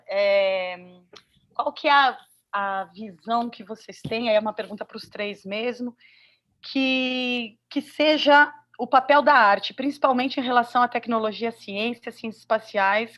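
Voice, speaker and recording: Brazilian woman hosting a live panel, highish voice, reading questions out casually. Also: fairly bright tone. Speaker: panel moderator. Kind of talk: informal live moderation, reading audience questions.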